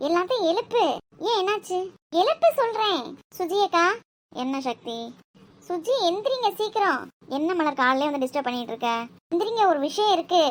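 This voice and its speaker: A woman voicing an excited, bubbly teenage girl in a cartoon, bursting with news. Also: very high voice, fairly quick, voice pushed up. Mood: eager. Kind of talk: cartoon voice acting.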